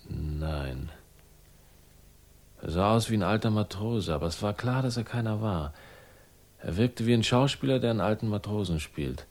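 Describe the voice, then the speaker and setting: A fairly low, slightly mellow male voice speaks at a normal speed, expressive and broken by long pauses. The actor is playing a sardonic, world-weary man with a troubled past in a 1960s German radio crime drama, delivering terse, fragmented, wry lines in a dreamy, uneasy mood.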